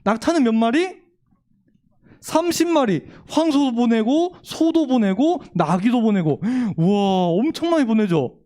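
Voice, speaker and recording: A woman teaching a children's sermon in a church, animated, asking the children questions and acting out worried voices. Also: on the high side, unhurried. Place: church room with children present.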